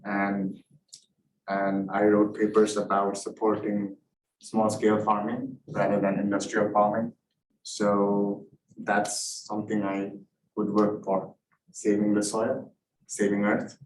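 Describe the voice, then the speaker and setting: Halting young man, echoey. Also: on the low side, completely flat delivery. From Nepal. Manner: halting, searching for words. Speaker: election candidate. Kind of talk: answering hustings questions. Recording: echoey room from far off, background noise.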